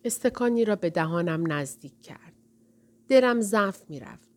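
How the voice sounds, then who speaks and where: Woman narrator for a first-person audiobook, quiet and reflective, mid-pitched. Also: animated.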